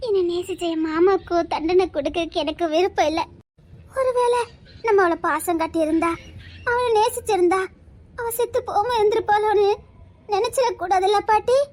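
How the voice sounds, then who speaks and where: A woman's voice: extremely high pitch, normal speed, a little mellow. A young woman with a Tirunelveli Tamil accent, speaking in a tearful, pleading way in a homemade drama.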